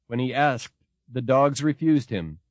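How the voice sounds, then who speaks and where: A man giving a measured, expressive scripted narration as a narrator. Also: medium pitch, no room sound.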